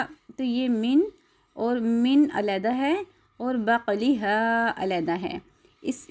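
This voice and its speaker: A woman's voice: a little high, a little mellow. A woman teaching a Quran recitation lesson step by step, spelling out syllables, drawing out the recited words and asking listeners to repeat after her.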